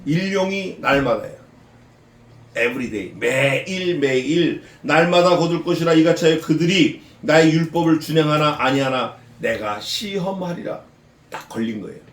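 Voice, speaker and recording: A male pastor with a slightly high voice, preaching in a lively way with slang and questions to the flock. The sound carries the roomy echo of a church sanctuary. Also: normal speed. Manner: lively, asks the congregation questions, mixes in casual slang. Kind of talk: expository sermon.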